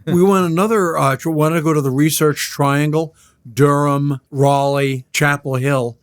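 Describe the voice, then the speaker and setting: An older man, a podcast guest, chatting casually and telling relaxed travel stories with dry humor. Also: fairly high pitch, a little slow.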